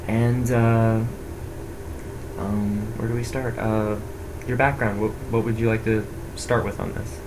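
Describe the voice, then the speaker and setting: A man's voice: fairly low pitch, measured pace. A man interviewing for an oral history project, hesitant with many fillers. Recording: steady background hiss.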